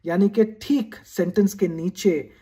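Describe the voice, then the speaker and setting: A man with a high-pitched voice gives a study skills lesson, speaking straight to students. He often checks in with "right?" and switches into English phrases mid-sentence. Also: measured pace, mellow. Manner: mixes English phrases into Hindi. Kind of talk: motivational video lesson.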